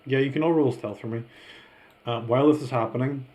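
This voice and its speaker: A man running a tabletop game as game master, narrating scenes in a slow, descriptive way. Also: mid-range voice, steady tone, a little mellow.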